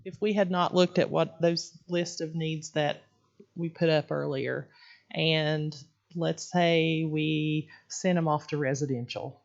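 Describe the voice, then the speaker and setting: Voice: medium pitch, fairly even intonation, slow pace, vocal fry. Reflective co-trainer, muffled recording. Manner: reflective, asks the group questions. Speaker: co-presenter in school training. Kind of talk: training presentation.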